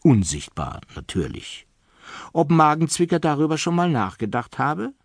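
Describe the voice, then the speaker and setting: A man reading a children's storybook aloud in a playful, lively way. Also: fairly high pitch, normal speed, gravelly, no echo, clean studio sound. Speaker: audiobook narrator.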